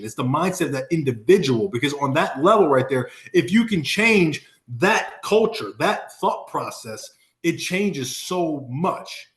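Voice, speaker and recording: Over a video call, a sales coach who is also a Marine delivers a motivational sales talk, emphatic and repeating key phrases for punch. His voice runs on the high side and the sound is roomy.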